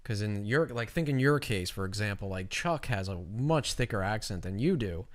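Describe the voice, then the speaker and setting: A man's voice: fairly low pitch, expressive, normal speed. A man co-hosting a podcast in a casual, profane and talkative way. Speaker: podcast co-host. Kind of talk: casual chat.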